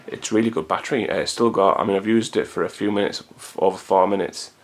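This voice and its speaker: This is a vlogger with a low voice who talks fast, rambling casually to his own camcorder. The clip comes from its built-in mic in a hot room at home.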